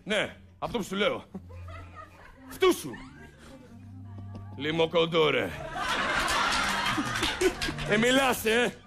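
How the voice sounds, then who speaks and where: A man's voice: big pitch swings, vocal fry, long pauses, over music. A man performing sketch comedy, jumping between characters and often laughing through his lines. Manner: shifts pitch wildly, laughing through lines.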